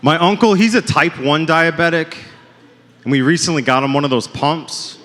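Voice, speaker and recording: Speaking at a normal pace in a slightly high, somewhat bright voice, a male comic works a comedy club stage with self-mocking, punchline-focused jokes, frequently addressing the crowd as "folks." Long reverb marks the live club recording.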